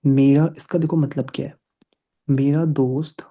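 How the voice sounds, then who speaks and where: A man's voice: medium pitch, level tone, measured pace, mellow, a little hiss or hum. A man teaching an online English grammar class. He mixes English into his explanations and voices his students' questions.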